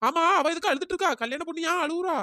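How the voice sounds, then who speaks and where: A woman's voice: extremely high pitch, racing, bright, forceful tone, no room sound, studio quality. A woman voicing a nosy, gossiping older village woman in a cartoon, prying and scolding.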